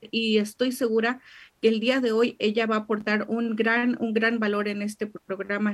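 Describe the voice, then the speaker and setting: A woman hosting a podcast interview, giving effusive, heartfelt introductions to her guest. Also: medium pitch. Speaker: podcast host.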